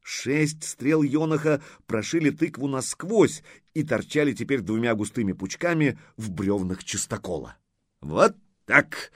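A man narrating an audiobook in an expressive storytelling manner. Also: medium pitch, normal speed, slightly rough, no echo, studio quality. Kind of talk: scripted narration.

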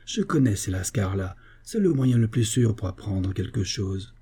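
A man's voice: fairly low pitch, expressive, moderate pace, warm tone, slightly rough. A man reading the part of a blunt, practical companion who speaks in a matter-of-fact way. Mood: knowing. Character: knowing man-about-town, practical and blunt.

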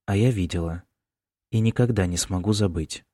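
A man's voice: deep voice, moderate pace, no room sound, studio quality. A man reading a fearful, reproachful mother. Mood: worried, reproachful. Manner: quiet, strained pleading. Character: anxious middle-aged mother, fearful, reproachful.

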